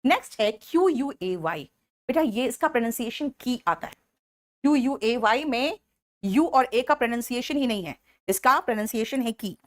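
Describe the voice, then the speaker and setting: Calling her pupils "beta," a slightly high-voiced woman teaches exam-prep vocabulary with animation, easing her pace whenever she dictates English definitions.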